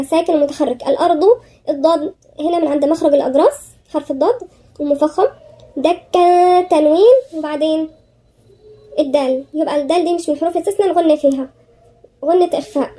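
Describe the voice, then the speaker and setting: A woman with an Egyptian Arabic accent teaching tajweed. She chants verses slowly, then explains each rule quickly, step by step. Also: sits high, warm tone. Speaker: Quran recitation teacher. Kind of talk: tajweed lesson.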